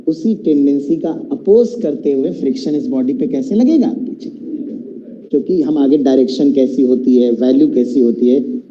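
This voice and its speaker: A man teaching physics to a class, quizzing the students and calling them children, slowing right down to dictate definitions. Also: medium pitch, warm tone, dull audio. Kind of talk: classroom lecture.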